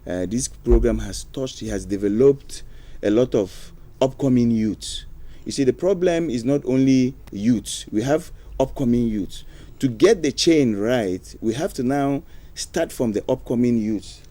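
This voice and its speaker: A man's voice: mid-range voice, unhurried, dark tone. A man answering interview questions as a studio guest, hesitant with many fillers. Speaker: studio guest, youth program official.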